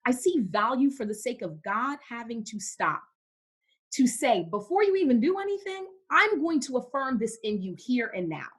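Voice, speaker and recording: Emphatic young woman, husky and high. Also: sing-song, moderate pace. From Cameroon. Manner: emphatic, repeats words for stress. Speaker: podcast guest, entrepreneur. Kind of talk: casual faith-based conversation.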